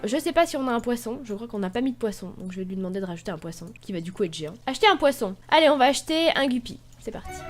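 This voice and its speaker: Casting: young woman, a bit high-pitched, chatty game tutorial, faint music underneath. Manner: chatty, explaining step by step. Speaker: gaming YouTuber.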